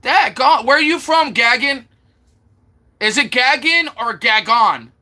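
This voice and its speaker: A man from Florida hosts a casual live stream, his voice high and very bright. He talks at an unhurried pace, repeating and sounding out viewers' names as he chats. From Florida, USA. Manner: chatty, sounds out names from chat again and again.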